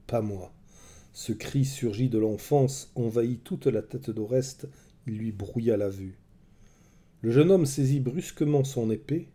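A man telling a myth in measured, dramatic scripted narration. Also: medium pitch, breathy edge. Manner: measured, dramatic storytelling, soft at the close. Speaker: storyteller.

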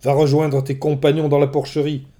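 A man's voice: fairly high pitch, monotone, brisk, mellow, lightly acted. A man voicing Circé, coaxing sorceress. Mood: commanding. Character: seductive, cunning sorceress woman, pleading.

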